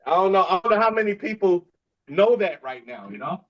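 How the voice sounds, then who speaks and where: A man's voice: high voice, expressive, fairly quick. A man in a casual video call chat, his voice breaking up over a choppy connection. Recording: muffled lo-fi video call audio.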